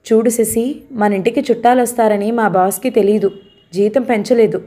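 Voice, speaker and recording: A woman's voice: on the high side, fairly even intonation, normal speed, mellow, close to an everyday voice. Woman reading a curt, grumbling young husband. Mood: teasing. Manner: curt, teasing.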